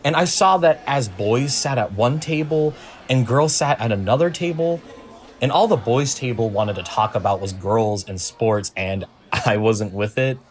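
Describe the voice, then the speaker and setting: A man's voice: mid-range voice, a little slow. A twenty-year-old American man, an activist speaking wryly and reflectively about growing up. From USA. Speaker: youth activist. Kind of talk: personal testimony interview.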